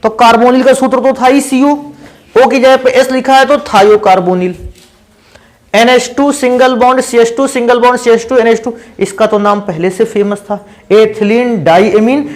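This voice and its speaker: A man teaching a chemistry class in a patient lecture style, often putting questions to his students. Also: very high voice. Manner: patient, addresses students as "beta" and asks them questions.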